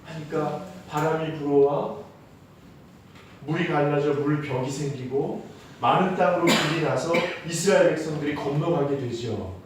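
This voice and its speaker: Preaching pastor in an echoey hall. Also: male voice, moderate pace, far from the mic, crowd noise. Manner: rises to emphatic passages then drops low; asks the congregation questions. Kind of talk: sermon. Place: church sanctuary.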